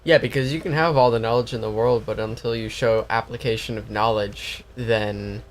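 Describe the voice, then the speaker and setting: A young man talks through gameplay in a loose, rambling way, full of restarts and filler. His pitch sits in the middle for a man, and a faint hiss runs under the recording. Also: steady tone, normal speed. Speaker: co-host. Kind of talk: casual gaming chat.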